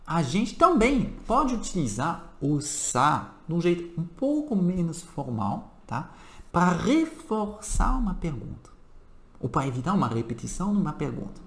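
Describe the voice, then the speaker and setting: Guy teaching, really animated up-and-down voice, kinda echoey room. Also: a little high, measured pace. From France. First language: French. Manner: animated, emphatic teacher's delivery. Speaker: French teacher. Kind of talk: language lesson.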